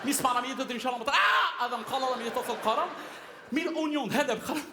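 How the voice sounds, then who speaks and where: An exuberant chanter, as a male comedian puts him on belts out rhythmic mock-foreign gibberish in a strikingly high, sing-song voice. The performance is recorded live on a stage, with a long hall reverb and clear background noise. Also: fast talker.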